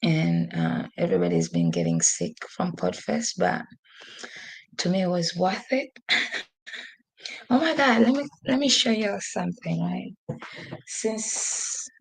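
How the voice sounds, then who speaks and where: Her voice lowish, husky and gravelly with a sing-song lilt, a woman hosts a relaxed live stream from a desk by the window in her newly moved-into home. At a measured pace with frequent pauses, she rambles, laughs often and notes she's losing her voice. The computer-mic recording is low quality.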